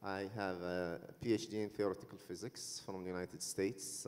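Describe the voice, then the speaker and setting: A man from Algeria introducing himself on a conference panel in a measured, formal way, using a handheld mic in a large hall. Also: low voice, darkish tone. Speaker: panelist, academic director. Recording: long hall reverb.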